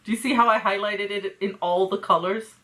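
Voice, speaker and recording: A woman hosts a casual breakdown of a novel, her commentary dry and sarcastic. She sounds exasperated with the book, in a relaxed chatty delivery at a mid pitch. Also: fairly quick. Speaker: host.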